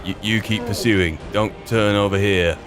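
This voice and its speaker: A British man plays a fantasy video game, narrating casually in character and wryly muttering to himself. His voice is lowish, with fairly even intonation and a moderate pace. Game music plays behind him.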